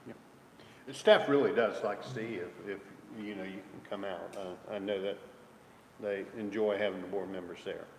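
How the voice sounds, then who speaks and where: A man chairing a public school board meeting, relaxed and informal, often trailing off softly. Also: fairly low pitch, normal speed. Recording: echoey room with long reverb, faint noise.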